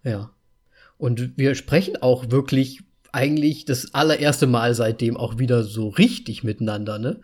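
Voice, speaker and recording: A man in his late thirties co-hosts a podcast, talking in a chatty, meandering way with frequent laughter. His voice is mid-range and a little mellow, with fairly even intonation and a moderate pace.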